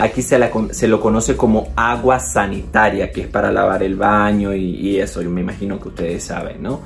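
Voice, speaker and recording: A man's voice: fairly low pitch, vocal fry. A man from Bolivia with a Bolivian Spanish accent, chatting casually to the camera and encouraging his viewers. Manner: chatty and encouraging, addresses viewers directly, often says "entonces". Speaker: video host giving language tips.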